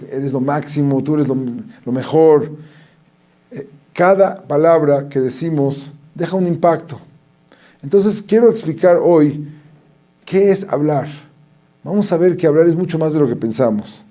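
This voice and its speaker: Rabbi teaching, warm and higher-pitched. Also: male voice. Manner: animated storytelling, acting out quoted voices. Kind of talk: Torah lecture.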